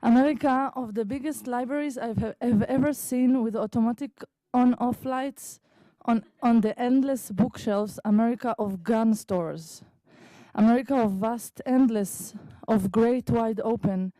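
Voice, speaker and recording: A woman's voice: fairly high pitch, dark tone, dry recording, low-quality recording. Israeli woman reading a prose poem. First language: Hebrew. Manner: slow, halting reading with asides. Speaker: visiting writer reading her piece. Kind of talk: reading a personal prose poem at an open mic. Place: library meeting room.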